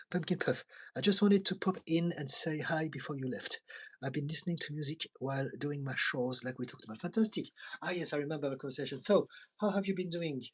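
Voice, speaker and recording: This tired French therapist, streaming live from home in London, has a medium-pitched, slightly rough voice and a French accent. He chats casually, reads out comments from viewers, laughs a lot and adds quiet asides.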